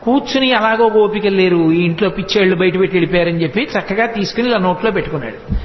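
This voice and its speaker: A man's voice: high-pitched, quick pace. A man giving a devotional discourse, telling the story with animation and chanting verses in a sing-song tone. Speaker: spiritual discourse speaker. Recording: echoey hall, dull lo-fi sound.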